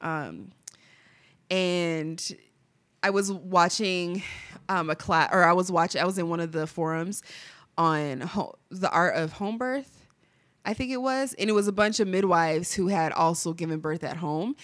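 A young adult woman with a stuffy nose co-hosts a podcast, chatting candidly about personal things and often giggling and swearing. Her voice is lowish and a bit bright, her pace measured, with no echo.

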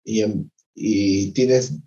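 A man's voice: lowish voice, fairly even intonation, very slow, dark tone, slightly rough. A young man co-hosting a podcast, chatting casually and rambling, often searching for his words and using slang. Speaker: podcast co-host. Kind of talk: casual chat. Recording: dull lo-fi sound.

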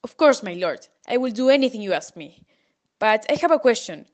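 A woman's voice: on the high side, animated, a little fast, close to an everyday voice. A woman reading aloud, voicing an eager, humble young squire in a storybook. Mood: earnest. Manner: earnest, respectful.

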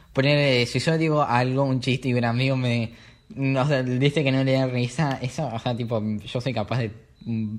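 A man's voice: mid-range voice, darkish tone. A teenage boy chatting casually, rambling with lots of fillers and acting out what others said. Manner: rambling, full of fillers, acts out quotes. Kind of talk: casual chat.

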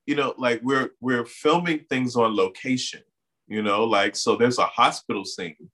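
Speaking at medium pitch and a moderate pace, this interview guest is an artist and community organizer from the Bahamas who grew up in Miami. He tells his stories with animation and leans heavily on the filler "you know."

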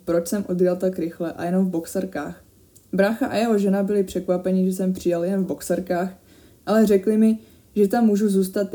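A woman reading a first-person horror story aloud in a steady, measured way that grows tense at the scary moments. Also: on the low side.

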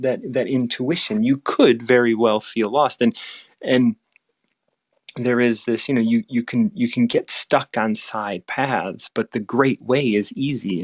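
A man's voice: medium pitch, no room sound. A man hosting a casual spiritual chat, talking in a rambling, reflective way with frequent restarts. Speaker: host.

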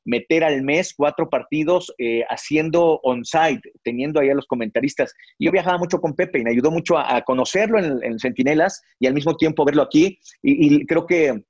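Slightly high man, reminiscing. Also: brisk, hardly any pauses, a little mellow, breathy edge, dry recording. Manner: reminiscing, with frequent fillers and restarts. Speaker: sportscaster guest. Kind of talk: reflective interview storytelling. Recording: dry, slightly dull recording.

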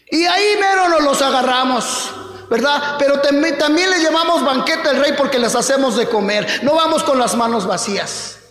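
A middle-aged man, preaching a fervent sermon and often breaking into shouts. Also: very high-pitched. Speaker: pastor. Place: large church hall. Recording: echoey church hall with music.

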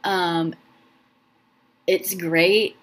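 A young woman with a low voice talks through a casual podcast on her own. She rambles warmly, full of ums and restarts, and sounds emotional, close to tears. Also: level tone, extremely slow. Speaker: podcast host. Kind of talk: casual solo podcast talk.

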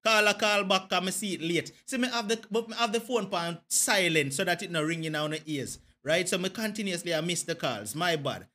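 A man's voice: high voice, expressive, brisk, few pauses, pushed and bright. A Jamaican man hosting a call-in show, bantering casually in patois between callers. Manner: laid-back, chatty patois banter. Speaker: podcast host taking calls.

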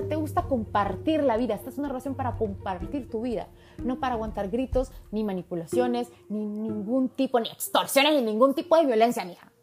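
Woman host, slightly high voice, faint music bed, casual advice monologue. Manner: chatty, emphatic, acts out quoted voices, calls listener "mija". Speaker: podcast host giving relationship advice. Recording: soft music in background.

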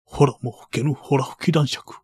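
A man voicing an old baron who is gentle and grieving and speaks in an old-fashioned way. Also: steady tone, moderate pace, slightly rough, no echo, clean studio sound. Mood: sorrowful. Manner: soft, low, old-fashioned phrasing.

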